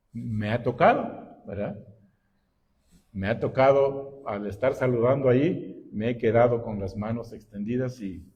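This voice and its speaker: Un predicador varón de voz media que habla lento y deliberado desde el púlpito, con pausas largas. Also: male voice, medium pitch, mellow. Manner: slow and deliberate, often adding "¿verdad?". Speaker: pastor. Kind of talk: sermon. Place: church.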